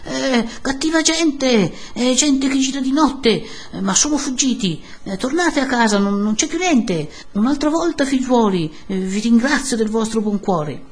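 A woman's voice: a little high, animated, a little slow, few pauses, breathy edge, pitched above the performer's own voice. A woman voicing a timid, flustered old village priest who stammers and placates a crowd in a storybook reading. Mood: flustered placating.

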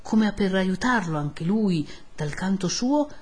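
A woman narrating a classic novel in a measured, expressive audiobook reading. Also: mid-range voice, husky.

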